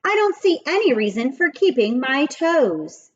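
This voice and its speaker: A woman's voice: high voice, very animated, measured pace, muffled recording, pitched above the performer's own voice. A woman reading a children's storybook aloud, voicing a stubborn, earnest young schoolgirl who protests emphatically.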